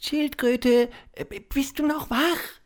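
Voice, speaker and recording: A storyteller voicing a tiny, shy female mouse who squeaks and stammers, in a children's storybook reading. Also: fairly even intonation, slow. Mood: timid.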